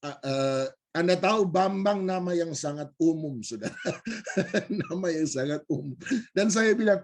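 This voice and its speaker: High-voiced male pastor telling a story. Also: measured pace, a little hiss or hum. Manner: conversational storytelling, addresses listeners directly with light laughs. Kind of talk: devotional sermon told as personal story.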